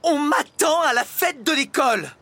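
A man's voice: high-pitched, expressive, normal speed, husky, voice pushed up. A man voicing an exasperated adult woman schoolteacher in a storybook reading. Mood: indignant. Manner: indignant, exasperated.

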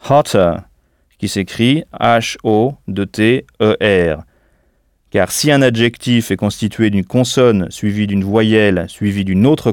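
A man teaching as a language tutor in a scripted audio lesson, speaking slowly and spelling words out letter by letter. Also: on the low side, darkish tone, no echo, studio quality.

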